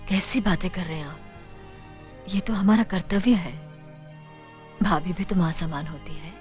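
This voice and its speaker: Brief: actress voicing a humble, soft-spoken sister-in-law over film music. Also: female voice, fairly low pitch, moderate pace, lightly acted. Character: gentle devoted elder sister-in-law. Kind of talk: 1990s Hindi film dialogue.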